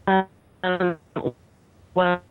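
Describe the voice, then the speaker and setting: A woman's voice: fairly low pitch, monotone, very slow, clear, resonant tone, faint music behind. A woman from Texas with a Southern drawl, calling in as a guest over a bad connection that keeps cutting out. She talks casually and hesitantly, full of "like" and "kinda". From Texas, USA. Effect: bad connection, phone-line audio cutting out. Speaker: call-in guest. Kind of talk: casual chat over a call. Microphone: remote call. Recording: dry, tinny phone line.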